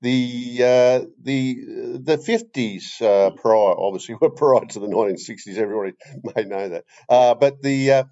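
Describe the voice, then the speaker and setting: On a somewhat dull-sounding recording, an older man with an Australian accent and a medium-pitched voice hosts a comedy podcast chat, deadpan and halting as he rambles.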